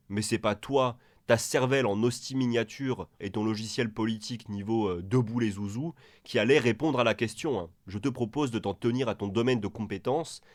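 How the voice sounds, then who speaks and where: A man's voice: fairly low pitch, no room sound, clean studio sound. A man giving sarcastic reaction commentary, mocking and crude, talking straight to the person in the clip he is answering. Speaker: video commentator.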